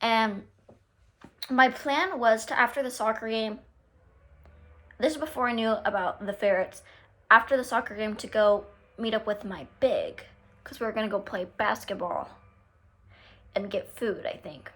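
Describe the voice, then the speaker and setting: A young woman with a slightly high voice tells a casual storytime rant. She is animated and swears freely, jumping into the voices of the people in her story. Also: a little slow, long pauses. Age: young adult. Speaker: vlogger.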